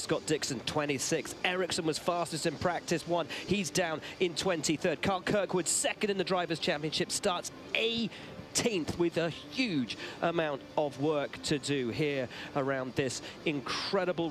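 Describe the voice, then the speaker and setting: A man calling a motor race live on TV, with a brisk and upbeat scripted delivery. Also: on the high side. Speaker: race commentator. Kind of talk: live play-by-play commentary. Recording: loud outdoor race-track noise.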